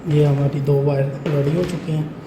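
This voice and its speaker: A fairly high-pitched man with fairly even intonation and a moderate pace hosts a tutorial showing an intercom installation. His casual, hands-on demonstration goes step by step with frequent check-ins, and the room audio is clearly noisy.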